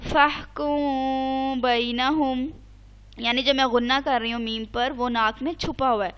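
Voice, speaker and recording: Brief: high, clear female teacher; patient online recitation lesson, repeats and checks. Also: fairly even intonation, fairly bright tone. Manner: chants Arabic examples slowly.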